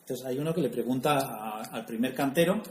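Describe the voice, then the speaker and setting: Lively preacher, roomy echo. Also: male voice, mid-range voice, fairly quick, slight background noise. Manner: lively, conversational, asks the audience questions; humorous asides. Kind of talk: sermon. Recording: echoey room, faint ambience.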